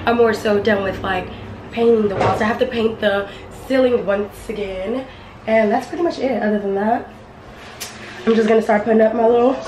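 Holding the camera at arm's length, a young woman casually vlogs about her beauty room in a slightly high, darkish voice, hoarse because she has partly lost it. She's chatty and playful and uses slang. The noisy handheld recording covers both her indoor beauty room at home and windy outdoor moments.

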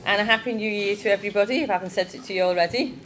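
A woman's voice: mid-range voice, rapid-fire, fairly bright tone, slight background noise. A woman giving a chatty children's talk in church, asking the young ones questions.

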